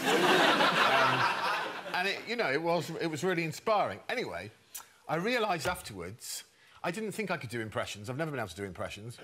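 A man's voice: on the high side, sharp tone. A male comedian and panel show guest telling a rambling, self-deprecating anecdote. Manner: rambling, self-deprecating, laughing between phrases. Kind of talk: stand-up style anecdote. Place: TV studio. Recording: noisy TV studio recording with audience.

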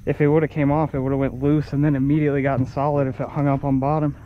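A young fishing vlogger films his trip from a small boat on open water, chatting casually and exclaiming with excitement as he fights a catch. His medium-pitched voice is fast, and the narrow, tinny audio carries slight background noise.

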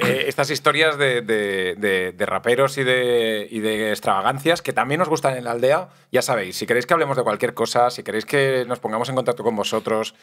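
Chatty Spanish podcast host laughing along. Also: male voice, medium pitch, fairly bright tone. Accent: Spanish from Spain. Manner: jokey, laughs often, chatty storyteller. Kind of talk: casual podcast chat.

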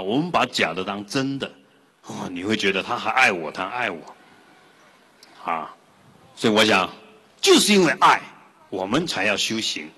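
Animated monk preacher, bright and husky, in a reverberant hall. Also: male voice, fairly low pitch. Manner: lively and rhetorical, asks the audience questions. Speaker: Buddhist monk giving a dharma talk. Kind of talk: sermon with storytelling.

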